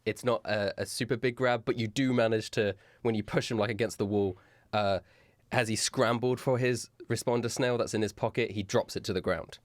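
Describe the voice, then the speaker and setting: A man's voice: fairly low pitch, fairly even intonation, a little fast, no room sound. A man acting as game master, narrating a tabletop game in a casual, improvised way. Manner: casual, sweary.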